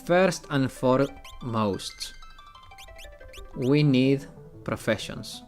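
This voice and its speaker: A man's voice: medium pitch, very slow, darkish tone, faint music behind. A man streaming video games, chatting casually and thinking aloud, often repeating his phrases. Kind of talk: casual live-stream chat.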